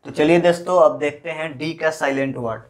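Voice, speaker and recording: A man's voice: a little high, fairly quick. A man teaching an English spelling lesson, who repeats each point and spells words out letter by letter. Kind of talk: explaining lesson to viewers.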